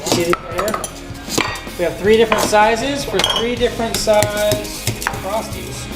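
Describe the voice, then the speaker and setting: Playful and encouraging, a parent vlogger talks casually with young children and asks them plenty of questions. The medium-pitched voice has lively intonation and a measured pace, heard in an echoey room with loud background music.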